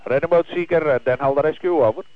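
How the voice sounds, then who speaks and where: Coast guard operator, male, heard over marine VHF radio; slightly high voice, muffled line with heavy hiss. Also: fast. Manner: clipped, formal call-and-answer. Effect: marine VHF radio transmission. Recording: dull radio line with loud static.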